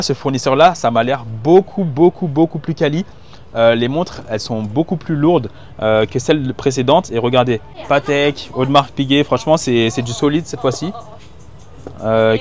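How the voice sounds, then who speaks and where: A man's voice: medium pitch, darkish tone. A man talking casually to his viewers in informal, slangy French while thinking aloud, recorded candidly on a hidden mic as he shops. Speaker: vlogger reviewing market goods to viewers. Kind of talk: casual spoken vlog, addressing viewers. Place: busy market stalls, recorded on location. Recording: hidden mic on location, music behind.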